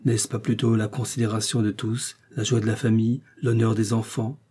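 A man reading the lines of a gentle widowed countess who speaks in a soft, even voice. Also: fairly low pitch, moderate pace, husky. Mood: gentle persuasion. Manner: soft and unmodulated.

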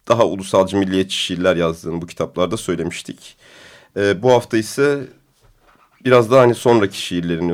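A man hosting a radio discussion program, with a deep, booming voice and a relaxed, hesitant delivery full of fillers. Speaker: radio show host.

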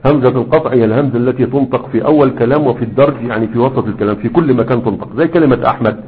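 Man, grammar lesson, rapid delivery, keeps asking "right?", muffled lo-fi recording. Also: mid-range voice. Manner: conversational, often checks with "right?". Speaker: grammar teacher. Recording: dull lo-fi recording.

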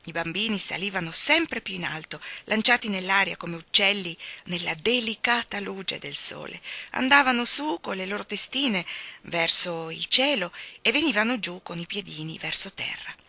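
A woman reading a children's story aloud in an expressive way, often dropping to soft, hushed tones. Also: mid-range voice, normal speed, vocal fry, no room sound. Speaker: reader. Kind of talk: audiobook storytelling.

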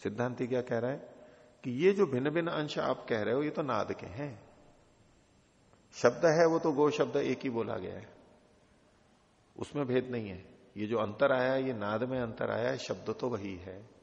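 A man's voice: medium pitch, normal speed, vocal fry, long pauses. A middle-aged man teaching a classroom lecture on an old text, patiently explaining with repeated examples. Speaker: teacher of philosophy texts. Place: teaching hall at an ashram. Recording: dull reverberant hall recording.

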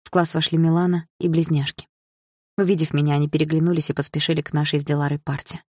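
Casting: low-voiced woman for first-person audiobook narration, husky and gravelly, restrained. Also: little pitch movement, fast talker, a little mellow, dry recording, clean studio sound.

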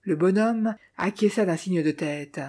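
An audiobook narrator giving a steady, measured reading of a novel. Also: mid-range voice.

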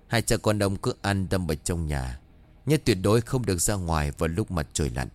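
A man voicing a greedy male sorcerer of dark arts, speaking in a calm, smug and mocking way. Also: low voice, brisk.

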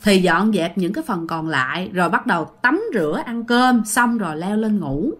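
A woman's voice: mid-range voice, lively intonation, moderate pace, fairly bright tone. Chatty Southern Vietnamese woman telling ghost stories. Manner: chatty, often turning to the listeners. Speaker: storyteller. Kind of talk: casual ghost storytelling.

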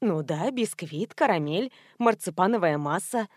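Woman voicing a calm amused pastry chef. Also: lowish voice, a little slow, no echo, studio quality. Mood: calm explaining.

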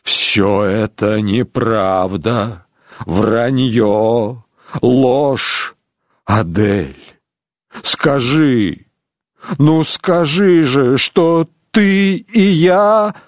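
A man's voice: on the high side, animated, slow, no room sound, studio quality. Narrator doing a young guy begging for justice, voice jumping all over, urgent and pleading. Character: desperate young man pleading innocence.

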